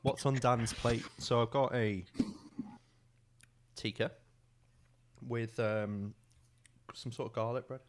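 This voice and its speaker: A man in his early thirties, co-hosting a live gaming podcast, talking quietly and offhandedly while eating. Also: medium pitch, fairly even intonation, slow pace, long pauses. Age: early 30s. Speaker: podcast co-host. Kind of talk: casual chat.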